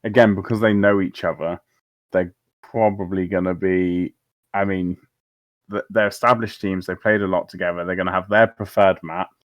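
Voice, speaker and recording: A man's voice: low-pitched, steady tone, normal speed, no echo, lo-fi sound. A man co-casting an esports match, chatty and speculative. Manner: chatty, laughs easily, speculative. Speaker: esports co-caster. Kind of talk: casual esports commentary.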